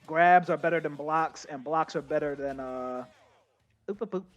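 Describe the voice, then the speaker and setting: A young man giving casual, excitable live commentary while playing a game, talking straight to his chat. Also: fairly high pitch, moderate pace. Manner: chatty, excitable, addresses chat as y'all. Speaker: game streamer.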